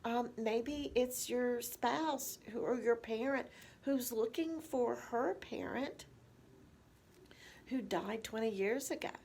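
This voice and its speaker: A nurse speaks to caregivers in a fairly high, conversational voice. She walks through examples and poses rhetorical questions as she teaches. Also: slow, creaky, darkish tone, a little hiss or hum. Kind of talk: instructional talk to caregivers.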